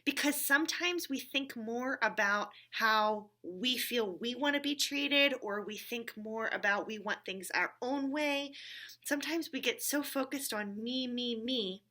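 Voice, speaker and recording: At a church story time for kids, a woman chats with a puppet friend, using simple, encouraging words and frequent check-in questions. She speaks unhurriedly in a slightly high voice with a sharp tone.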